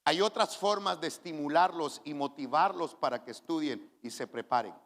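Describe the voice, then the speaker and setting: A man's voice: a little high, normal speed, fairly bright tone. A man, a pastor giving an earnest personal testimony in a sermon, often restarting his phrases. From Chile. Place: church. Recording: reverberant church hall.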